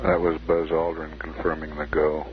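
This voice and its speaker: A man's voice: a bass voice, monotone, moderate pace. A man giving formal, matter-of-fact status commentary as a mission control announcer. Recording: dull, noisy archival radio feed.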